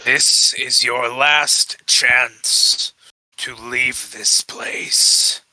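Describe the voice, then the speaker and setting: A man voicing a ghostly undead guardian in a tabletop game, with an unearthly, imperious, menacing and drawn-out delivery. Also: medium pitch, steady tone, sharp tone, no echo, full character voice, poor audio.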